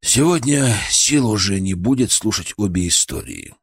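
A man reading the lines of a weary, calm village leader in an audiobook, in a quiet, matter-of-fact way. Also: lowish voice, normal speed, breathy edge, dry recording, clean studio sound.

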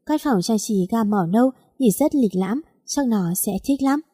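A woman's voice: fairly high pitch, expressive, normal speed, warm tone, breathy edge, no echo, studio quality. A woman narrating a first-person story and reading every character's lines in her own voice.

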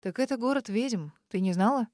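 A woman reading an audiobook, voicing a calm, caring young man who speaks gently. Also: fairly high pitch, brisk, no echo, studio quality, lightly acted. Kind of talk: audiobook character voice.

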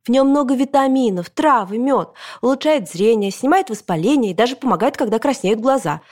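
Bossy, fussy grandmother over 60 for a storybook audiobook, pushy and insistent, voice pitched high and loud, put on by a woman reader. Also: animated, brisk. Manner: insistent, lists remedies.

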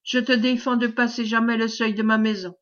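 A woman's voice: a little high, level tone, brisk, a bit bright, lightly acted. A woman reading as a stern old farmer father. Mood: firm. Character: kindly old male farmer, firm father. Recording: dull lo-fi recording.

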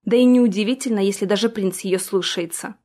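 A woman narrating a fantasy audiobook in a steady, even storytelling manner. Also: medium pitch, brisk. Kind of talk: scripted narration.

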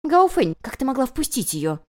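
A woman's voice: a little high, very animated, a little fast, pitched above the performer's own voice. Woman voicing a hot-tempered jealous young woman. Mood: hissing anger. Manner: sharp, indignant outbursts.

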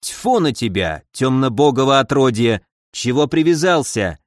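A man's voice: mid-range voice, very animated, moderate pace, no echo, clean studio sound, natural voice. A man voicing a grumpy, stubborn old man who grumbles and snaps at people. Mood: irritated. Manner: grumbling, snapping.

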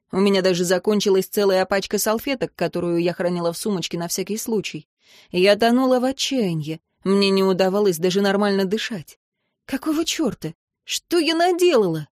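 A woman's voice: medium pitch, darkish tone, no room sound, clean studio sound. A woman narrating a first-person audiobook with an emotional, intimate reading.

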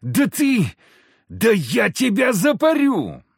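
A man's voice: mid-range voice, very animated, takes it slowly, a bit bright, no echo, clean studio sound, voice pushed up, heavily acted. A man doing a bellowing drunk nobleman's son. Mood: drunken yelling. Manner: slurred bellowing, boastful and threatening. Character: drunk, loutish young man, a count's son.

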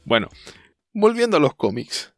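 A Chilean man hosting a podcast in casual chat, talking thoughtfully and often pausing to restart his sentences. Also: fairly high pitch, very animated, dry recording, studio quality, faint music behind. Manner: thoughtful, hesitant, trails off and restarts mid-thought. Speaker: podcast host.

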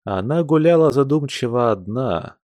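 A man reading an audiobook, voicing a weary, heartsick young man who talks slowly and reluctantly, with sighs. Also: medium pitch, expressive, darkish tone, dry recording, close to an everyday voice. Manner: slow, sighing, reluctant.

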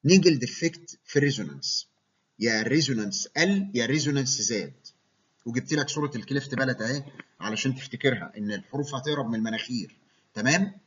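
A man's voice: mid-range voice, lively intonation, fast talker, fairly bright tone, slightly rough. A man with an Egyptian accent giving a medical lecture, explaining terms and checking in with his listeners. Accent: Egyptian Arabic. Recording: dull lo-fi recording.

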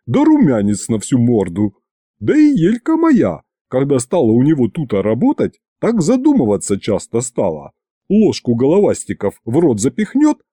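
A man voicing a formidable stout woman chief accountant, gruff and domineering, with blunt folksy speech and a booming manner. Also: dark tone, no echo, clean studio sound.

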